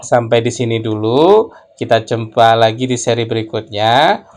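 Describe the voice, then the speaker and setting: A man giving a screen-recorded coding tutorial, explaining slowly and thinking aloud as he types. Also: mid-range voice, darkish tone. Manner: slow, explanatory, thinks aloud while typing. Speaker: programming tutor.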